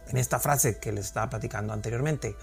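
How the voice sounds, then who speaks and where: A man's voice: mid-range voice, quick pace, gravelly, soft background music. A man hosting a solo podcast, explaining ideas earnestly and asking rhetorical questions. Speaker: podcast host. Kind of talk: reflective solo podcast talk.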